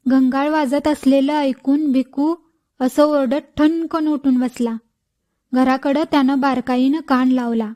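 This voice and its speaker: A woman narrating an audiobook story in a measured storytelling manner. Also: high voice, steady tone, warm tone. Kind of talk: scripted narration.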